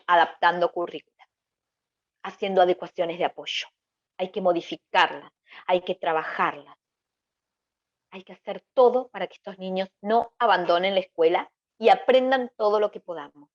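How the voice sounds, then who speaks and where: A woman presenting an educational webinar. She asks questions aloud and answers them herself, checking in with her listeners as she explains. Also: mid-range voice. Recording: dull lo-fi webinar audio.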